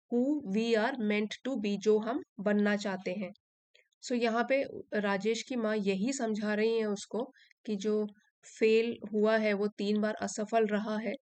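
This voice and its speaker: A woman who teaches English, reading a passage slowly in careful phrases and explaining it in Hindi. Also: mid-range voice, a little mellow, no room sound. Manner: reads English lines slowly and deliberately, then translates and explains.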